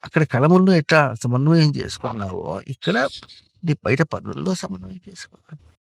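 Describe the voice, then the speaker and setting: A man's voice: a little high, sing-song, normal speed, gravelly, slightly rough. A man giving spiritual instruction to a child, repeating himself and asking questions emphatically. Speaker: spiritual teacher.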